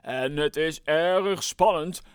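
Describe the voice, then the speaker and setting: Narrator doing a loud slow megaphone guy from a kids storybook, big swoopy calls. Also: medium pitch, sing-song, no echo, clean studio sound. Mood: booming announcing. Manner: loud, slow, drawn-out calling. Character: announcing man with a megaphone. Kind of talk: storybook read-aloud.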